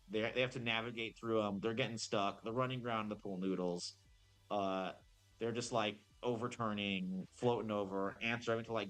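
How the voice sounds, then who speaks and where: A man's voice: on the low side, a bit bright. A man acting as game master, narrating a tabletop game in a rambling, improvised way, full of fillers and self-corrections.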